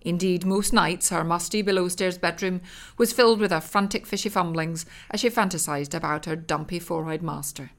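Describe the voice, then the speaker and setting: A woman narrating a comic audiobook, reading outrageous lines in a deadpan way. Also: on the low side, moderate pace.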